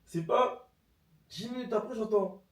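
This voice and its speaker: A young man, chatting excitably as co-host of a storytelling vlog. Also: high voice, measured pace. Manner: slangy, excitable. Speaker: partner co-hosting the vlog. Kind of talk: casual storytelling chat. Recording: echoey room, off-mic.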